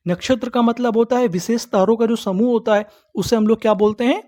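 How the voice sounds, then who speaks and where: A man teaching English reading in an online lesson. He sounds words out slowly, letter by letter, then asks questions and answers them himself. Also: extremely high pitch, fairly even intonation, dark tone.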